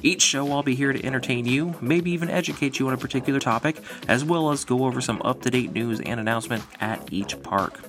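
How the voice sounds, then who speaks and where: A man's voice: medium pitch, fast, few pauses, over music. A man from Florida with an American accent, introducing a podcast as host in a showman's ringmaster announcing manner. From Florida, USA.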